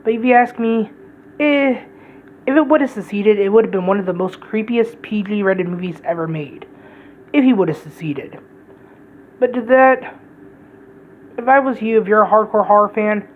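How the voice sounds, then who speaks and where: A woman's voice: medium pitch, phone-quality sound, a little hiss or hum. Blunt, profane woman rambling about movies. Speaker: movie reviewer. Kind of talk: casual rambling movie review.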